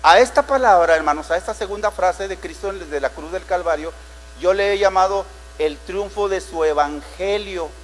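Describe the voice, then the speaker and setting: A man's voice: high voice, normal speed, in a large hall, a little hiss or hum, rough recording. A man with a Mexican Spanish accent preaching a sermon as pastor, telling the story dramatically and asking rhetorical questions.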